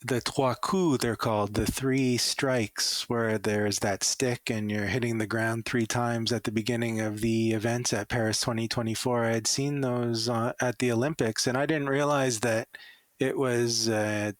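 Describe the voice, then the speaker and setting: A man's voice: medium pitch, level tone, normal speed, no room sound. A man with a Canadian accent, a former Paralympic athlete, answering interview questions with enthusiastic stories. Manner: enthusiastic storytelling.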